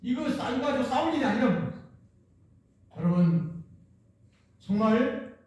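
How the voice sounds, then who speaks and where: A man's voice: very high-pitched, expressive, measured pace, darkish tone. A man from the Jeolla region preaching a sermon, emphatic and repetitive, with many rhetorical questions. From Jeolla region, Korea. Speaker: pastor. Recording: echoey church hall, distant mic.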